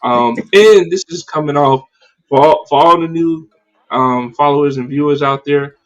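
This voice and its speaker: Animated, slangy man hosting a podcast. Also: on the high side, normal speed, highs cut off. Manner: animated, slangy and profane, many fillers. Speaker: podcast host. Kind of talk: casual livestream podcast chat. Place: livestream podcast setup.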